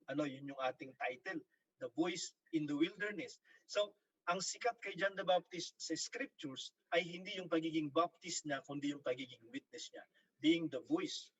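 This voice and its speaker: Husky Filipino man preaching from afar. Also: a little high, a bit bright. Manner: mixes English phrases, frequent "di ba?" asides. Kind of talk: Bible teaching sermon. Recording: distant mic, muffled lo-fi sound.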